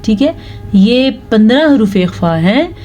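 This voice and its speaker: A woman teaching Quran recitation rules, reciting verses slowly and drawn out, then explaining each rule. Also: fairly high pitch, animated, warm tone. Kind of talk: slow recitation lesson with explanations.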